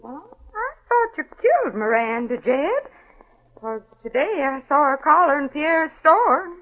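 An actress playing a gentle, remorseful frontier woman in a 1940s radio drama. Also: high-pitched, big pitch swings, unhurried. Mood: contrite. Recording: tinny old radio broadcast.

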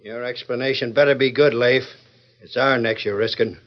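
An actor playing a suspicious, argumentative outlaw henchman in an old-time western drama, with a gruff, husky delivery. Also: mid-range voice, fairly even intonation, normal speed, lightly acted. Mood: suspicious, irritated. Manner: gruff, argumentative frontier slang. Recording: dull lo-fi vintage recording.

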